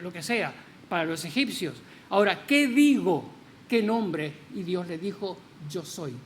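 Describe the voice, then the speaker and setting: A man's voice: high voice, slight background noise. A man preaching in church, explaining scripture with many rhetorical questions and stressed words. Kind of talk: sermon.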